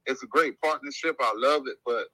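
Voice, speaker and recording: A young man heard through a phone on speakerphone, held up to a microphone. His voice is sharp and very bright, with a dry sound. He rambles casually through his story, linking each event with "and then after that.". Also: mid-range voice, fairly quick, dry recording. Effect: phone call played over speakerphone held to the mic. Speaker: guest football player.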